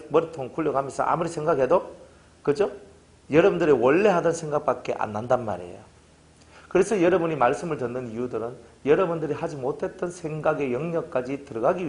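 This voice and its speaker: A pastor giving a casual sermon, telling stories and acting out both sides of conversations. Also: male voice, medium pitch. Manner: lively storytelling preacher, acts out dialogue.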